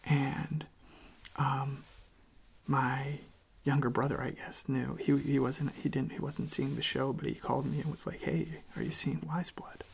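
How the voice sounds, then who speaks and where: Speaking near the mic, a soft-spoken ASMR host chats casually in a mid-range voice that is hushed, gentle and halting, frequently slipping into a breathy half-whisper.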